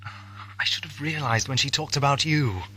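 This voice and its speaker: An actor playing an anguished, self-blaming eccentric adventurer in an audio drama, theatrical and brooding with bitter outbursts. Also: male voice, mid-range voice, normal speed, sharp tone, natural voice. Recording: faintly noisy 1980s amateur audio tape.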